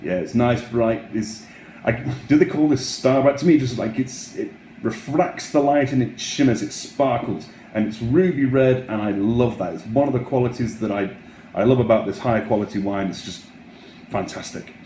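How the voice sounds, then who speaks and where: A man hosting a casual wine tasting, talking in an unhurried, musing way with short trailing phrases. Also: mid-range voice, dark tone. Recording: roomy echo, faint background noise.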